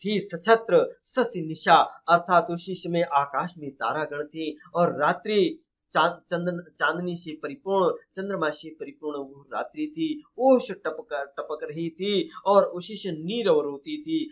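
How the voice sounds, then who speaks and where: A man's voice: a little high, a little slow. A man teaching an exam-prep poetry lesson, fondly addressing his students, quizzing them and reciting verse aloud.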